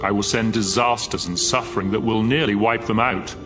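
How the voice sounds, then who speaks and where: An actor playing God as a solemn, wrathful, commanding deity making authoritative pronouncements in a dramatized scripture reading. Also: male voice, fairly low pitch, steady tone, brisk, music in the background, close to an everyday voice.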